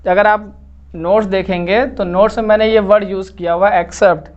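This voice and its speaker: Speaking fairly quickly with fairly even intonation, a high-voiced man lectures on literature in a classroom-style video. He explains step by step and regularly checks that students follow, though the audio is dull.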